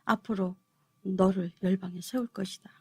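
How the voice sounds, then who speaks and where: Brief: God as a tender loving father, hushed and slow, low and whispery, put on by a woman preacher. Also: steady tone, slightly rough.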